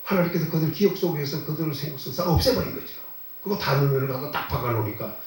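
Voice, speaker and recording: Male pastor, conversational sermon, lively shifting pitch, asks and answers his own questions, very reverberant room with a distant mic. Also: racing. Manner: conversational preaching with rhetorical questions; repeats phrases for emphasis. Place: church sanctuary.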